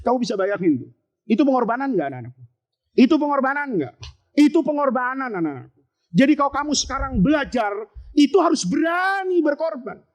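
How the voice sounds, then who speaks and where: A man giving a lively storytelling sermon to boarding-school students, joking, asking rhetorical questions and breaking into sudden shouts. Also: very high-pitched, fairly quick, muffled recording. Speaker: Islamic preacher teaching boarding-school students.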